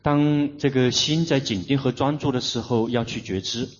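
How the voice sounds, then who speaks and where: A man's voice: mid-range voice, extremely slow. A man interpreting a dharma talk phrase by phrase, hesitant and stopping to restart his sentences. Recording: dull lo-fi recording.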